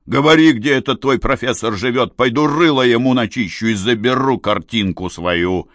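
A man's voice: mid-range voice, moderate pace, fairly bright tone, dry recording, close to an everyday voice. A man doing a crude, growling racketeer. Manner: growling, rude. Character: rough red-haired male racketeer, crude. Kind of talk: audiobook character voice.

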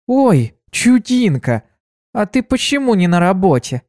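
Brief: a man doing a sly blue pony mare, bubbly and teasing, pitched high, dry close sound. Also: sing-song, measured pace, a little mellow, no echo. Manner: bubbly, teasing, turns menacing. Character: cheerful sly blue female pony, fiercely protective.

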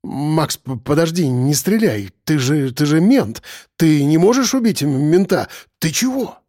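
A man's voice: on the high side, animated, a little slow, a little mellow. A man voicing a panicky male cop who stammers and pleads at gunpoint. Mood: panicked.

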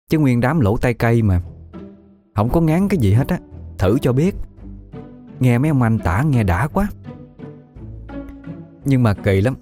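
A man's voice: fairly low pitch, dark tone, dry recording, clean studio sound. A man telling a ghost story in the first person, in a folksy, colloquial way.

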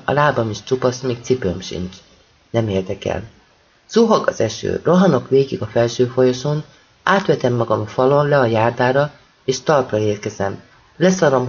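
A man reads a first-person story aloud with urgent intensity. His voice is husky and sits at an ordinary pitch. The recording sounds a little dull and muffled. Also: darkish tone. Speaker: audiobook reader. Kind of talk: first-person audiobook narration.

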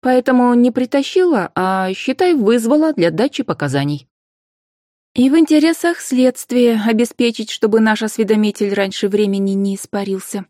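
A woman voicing a brisk young witch investigator who gives commands and quick retorts in an audiobook. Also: medium pitch, lively intonation, mellow, no echo, studio quality, voice pushed up, lightly acted. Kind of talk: audiobook character voice.

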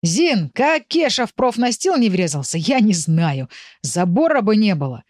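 A woman's voice: medium pitch, sing-song, moderate pace, a little mellow, no echo, clean studio sound. Woman voicing a jovial village man. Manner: jovial, folksy. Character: good-natured village man, curious neighbour. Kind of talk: audiobook character voice.

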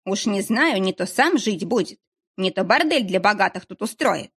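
Woman reading gruff middle-aged man, blunt, drawling, slightly husky, audiobook. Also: mid-range voice, lively intonation, moderate pace, a bit bright. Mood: conspiratorial.

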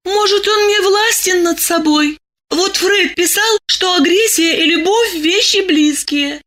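A woman's voice: very high voice, a little slow, a bit bright, pitched above the performer's own voice. A woman voicing a lovestruck, emotional young woman who talks fervently and pleadingly in an audiobook. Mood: earnest. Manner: fervent, pleading, tearful at times. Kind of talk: audiobook character voice.

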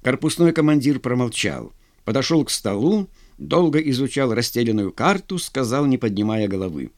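A man narrating an audiobook in an expressive storytelling way. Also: mid-range voice, normal speed.

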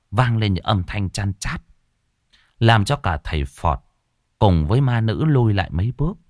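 A man's voice: lowish voice, no room sound, studio quality. A man narrating a horror story in a dramatic, suspenseful way.

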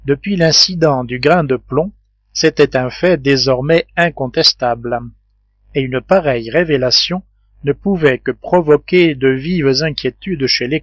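A man narrating a classic adventure novel as an audiobook, telling it in a steady, even way. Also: mid-range voice, no room sound, highs cut off. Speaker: audiobook reader. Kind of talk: scripted narration.

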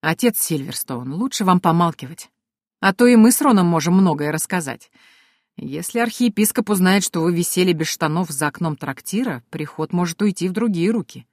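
A woman voicing a sly, level-headed male servant who speaks slowly and low, as an audiobook character. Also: expressive, no room sound, studio quality. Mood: warning.

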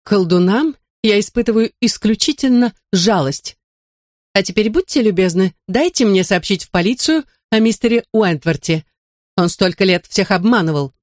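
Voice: medium pitch, expressive, moderate pace, no room sound, studio quality, pitched above the performer's own voice, close to an everyday voice. A narrator voicing a haughty, scheming young woman who is secretly a witch, proud and demanding, in a read-aloud storybook. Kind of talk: audiobook character voice.

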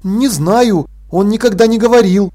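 An awkward, kindly young prince at school who talks hesitantly, with a touch of gruffness, as a man puts him on. The voice is raised above the reader's own. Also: high-pitched, normal speed, mellow, voice pushed up, lightly acted.

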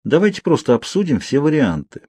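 A man voicing a calm, firm young female vampire. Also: lowish voice, normal speed, no echo. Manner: calm, steady.

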